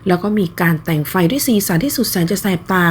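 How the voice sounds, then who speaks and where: A woman's voice: medium pitch, quick pace, breathy edge. Woman reading online news politely. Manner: polite, steady read-aloud delivery with soft sentence-final particles. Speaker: news narrator. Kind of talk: scripted online news narration.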